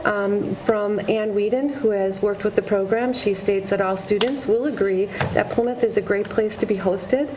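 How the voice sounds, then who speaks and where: School administrator, woman, mid-pitched, reading meeting announcements over steady background noise. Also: normal speed, hardly any pauses. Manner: reads announcements, lists names and dates. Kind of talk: board meeting report. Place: school board meeting room. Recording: noisy community TV recording.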